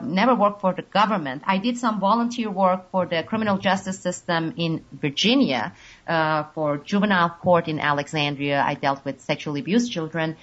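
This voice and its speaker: A Turkish woman whose first language is Turkish is interviewed as a guest over a long recorded video call, the audio dull and lo-fi. Her mid-range voice is a bit bright, and she explains at length in a measured way, with many pauses.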